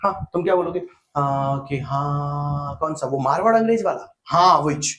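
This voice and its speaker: A man's voice: fairly high pitch, unhurried, a bit bright, echoey room, poor audio. A man teaching English grammar in a classroom lecture, drilling phrases over and over and firing rhetorical questions at his students. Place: room with a digital board.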